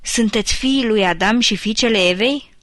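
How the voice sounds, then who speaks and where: A woman reading the part of a wary male beaver, speaking in a husky, throaty, hushed whisper. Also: fairly high pitch, no room sound, clean studio sound, lightly acted. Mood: hushed urgent. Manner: hushed and urgent. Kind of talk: audiobook character reading.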